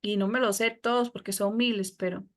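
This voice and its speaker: A woman's voice: mid-range voice, steady tone, a little fast, fairly bright tone. A woman teacher with a Costa Rican Spanish accent, explaining a lesson patiently to her students. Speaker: English teacher.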